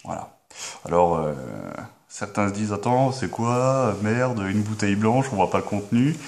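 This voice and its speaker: Deadpan Belgian man, low voice. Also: normal speed. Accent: Belgian French. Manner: hesitant, full of filler sounds, with sudden mock-outraged yelps. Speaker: comedy vlogger. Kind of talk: deadpan comic monologue to camera.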